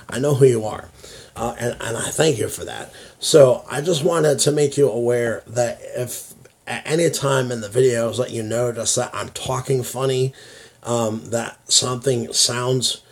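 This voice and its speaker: American guy vlogging, slow halting speech, dysphonia, works hard to get words out, confiding and casual. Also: medium pitch, darkish tone, breathy edge. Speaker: YouTube vlogger. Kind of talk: confiding casual talk to viewers.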